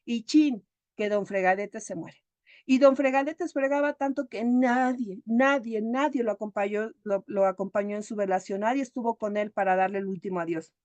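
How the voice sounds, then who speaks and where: A woman's voice: medium pitch, moderate pace, no room sound, dull audio. A woman who works as a therapist, giving a chatty talk full of stories. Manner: chatty, animated storyteller. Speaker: emotional therapist and speaker. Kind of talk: storytelling talk.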